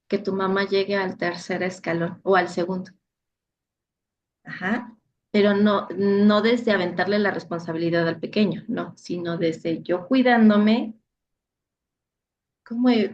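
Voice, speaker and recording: A woman's voice: medium pitch, vocal fry. A woman psychologist, explaining earnestly in an interview, with "eh" fillers and "¿no?" tags. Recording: dull lo-fi audio.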